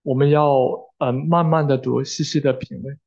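A man interpreting a sermon live, with fillers and quick self-corrections. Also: mid-range voice, fairly even intonation, vocal fry, a little mellow, lo-fi sound.

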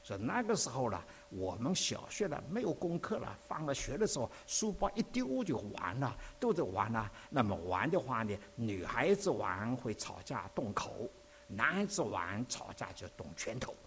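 A man delivers a sermon. He recounts his own experiences as an expressive, conversational storyteller, and his mid-range voice leaps up and down with lively intonation. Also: mid-range voice, moderate pace, slight background noise. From Dinghai, Zhejiang, China. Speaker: preacher. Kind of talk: sermon with personal testimony.

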